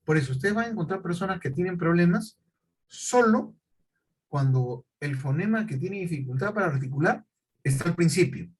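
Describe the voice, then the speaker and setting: A man teaching a class, explaining slowly and deliberately and checking often that his students follow. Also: fairly high pitch, animated, slightly rough, low-quality recording. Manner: questioning, repetitive explanations with check-ins. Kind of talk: classroom lecture.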